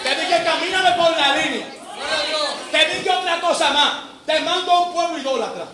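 Stern scolding God, as a preacher puts him on. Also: male voice, very high-pitched, moderate pace, roomy sound, over a noisy crowd, very noisy. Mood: lecturing. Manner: scolds and lectures in a hard street tone.

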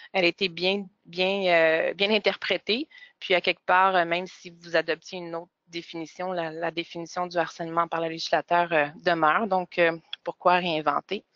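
A woman presents a webinar, measured and full of hesitations. Her voice sits a little low and comes through dull, lo-fi and very dry. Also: a bit bright, no room sound.

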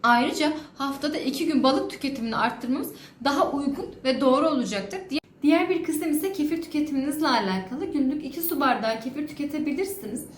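A woman's voice: sits high, expressive, fairly quick. A woman dietitian giving informational advice to viewers in a formal, orderly way. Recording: echoey room with faint noise.

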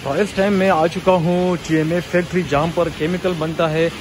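A man with a Pakistani Urdu accent films a chatty walkthrough vlog on a handheld phone, walking through an indoor workshop full of machines and explaining each step of the factory work. His fairly high voice is level and at normal speed, he keeps saying "you can see" while pointing, and the background is noisy.

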